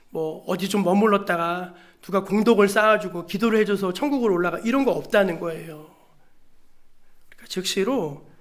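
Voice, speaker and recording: A male pastor preaching a sermon in a church, emphatic, with rhetorical questions to the congregation and calls to read scripture aloud together. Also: high voice. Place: church sanctuary.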